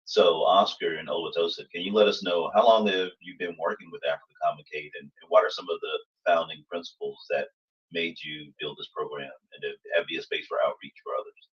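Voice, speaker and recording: Man, deep voice, livestream host, effusively polite, dull distant microphone. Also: steady tone, brisk. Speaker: host, moderator. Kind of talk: event hosting on a livestream.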